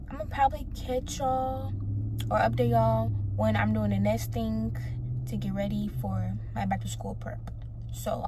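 A woman's voice: a little high, noisy background. A teenage girl vlogging casually to the camera. She is chatty and keeps calling her viewers "y'all.". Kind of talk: casual vlog talk to camera.

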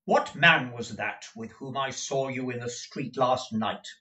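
A man's voice: medium pitch, measured pace, bright, forceful tone, distant mic. A man voicing a harsh, impatient moneylender who speaks in curt commands. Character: harsh impatient middle-aged male moneylender.

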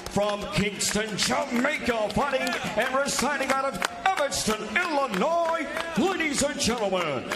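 A man with a high voice announces from a boxing ring in formal, theatrical style, stretching out his big introductions. His voice echoes through the venue over loud noise. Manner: theatrical, drawn-out booming introductions of names. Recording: echoing arena PA with loud background noise.

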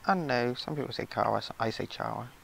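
A young man chatting while playing an online game with a friend, teasing and quick to laugh. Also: mid-range voice, lively intonation, gravelly, a bit bright, soft background music. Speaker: co-player. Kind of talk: casual gaming chat.

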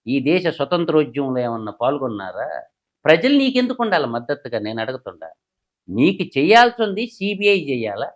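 A man, a political analyst who delivers heated commentary through rapid, combative rhetorical questions. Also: mid-range voice, sing-song.

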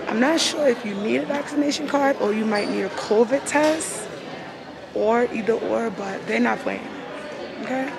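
A woman's voice: medium pitch, vocal fry. A woman travel vlogger talking casually through a face mask, chatting straight to her viewers in an airport. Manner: chatty, addresses viewers directly. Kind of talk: casual vlog talk to camera. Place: airport terminal, indoors.

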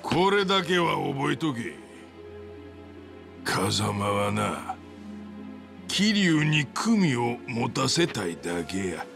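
A man playing a scornful, domineering middle-aged yakuza boss in a video game, with a Kansai accent and a gravelly, mocking, bullying delivery. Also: medium pitch, sing-song, slow pace, long pauses, over music, exaggerated voice. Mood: scornful, goading. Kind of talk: dramatic video game acting.

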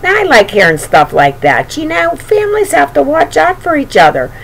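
Reading a storybook at a normal speed, an older woman with a high, somewhat bright, creaky voice swoops wildly in pitch while chatting fondly with young kids. The noisy recording comes from a webcam held at arm's length in a small bedroom.

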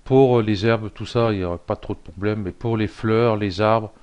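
A man giving a casual software tutorial, thinking aloud with lots of fillers and little self-deprecating asides. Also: lowish voice, steady tone, moderate pace, clear, resonant tone. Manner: rambling, thinks aloud with many fillers and "hop". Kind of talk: casual screen-recorded tutorial.

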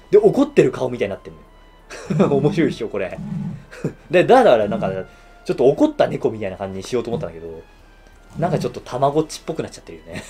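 A man talks casually through his suit piece by piece, laughing often. His voice is mellow and dark, yet his pitch swings widely from phrase to phrase. Soft music plays quietly underneath. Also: breathy edge. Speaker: shoe-shine YouTuber reviewing his bespoke suit. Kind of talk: casual show-and-tell review.

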